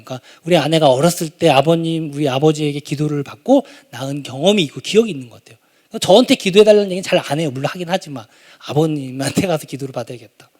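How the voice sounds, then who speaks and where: A pastor in his thirties, his voice on the high side, preaches a sermon in a church sanctuary and tells a story from his own family. He is animated, shifting from quiet asides to loud exclamations.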